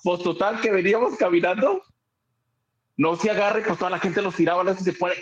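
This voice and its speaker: A man spins a family anecdote for a radio chat show. His voice sits high for a man, and he laughs often while acting out every quote with lively energy. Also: fairly quick, muffled recording. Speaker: radio co-host. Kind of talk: casual storytelling chat.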